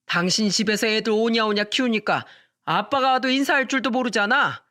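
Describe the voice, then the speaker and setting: A woman voicing a drunk, bossy middle-aged husband and father who scolds loudly with slurred words. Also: fairly high pitch, brisk, lightly acted. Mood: drunken scolding.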